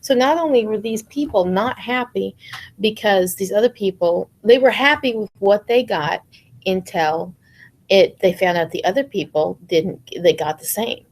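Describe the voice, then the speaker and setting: Tired woman, soft and hesitant. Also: mid-range voice, moderate pace. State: tired, yawning. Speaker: podcast co-host, wife. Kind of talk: casual chat.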